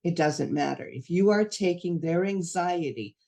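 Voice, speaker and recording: A woman's voice: lowish voice, normal speed, vocal fry, a little mellow. A woman giving a professional development talk to teachers, explaining reading lessons step by step and acting out what to say to students. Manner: instructive, acts out teacher-student exchanges.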